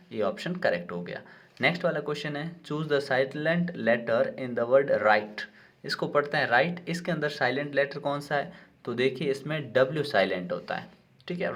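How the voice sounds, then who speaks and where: A young man teaching, working through an exam paper step by step, reading each question slowly and checking in with the listener often. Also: medium pitch, a bit bright. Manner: explains step by step, reads English questions out slowly, says "ठीक है" often. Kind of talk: exam paper walkthrough lesson.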